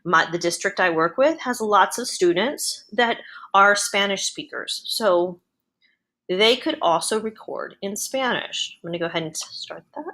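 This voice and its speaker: A woman narrating an explanatory software tutorial as an educator. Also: medium pitch, animated, measured pace.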